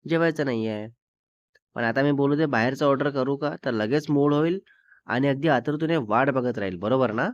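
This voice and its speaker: A man's voice: mid-range voice, moderate pace, no room sound, natural voice. A man voicing a young boyfriend who scolds his girlfriend sternly but with care. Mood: lecturing. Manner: scolding, then coaxing. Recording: dull lo-fi dry recording.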